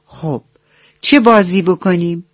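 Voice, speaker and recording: A woman's voice: lowish voice, dry recording, clean studio sound, lightly acted. A woman voicing a young male duckling, an eager and dutiful big brother who talks to the little ones earnestly and soothingly. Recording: dull lo-fi radio recording with soft music.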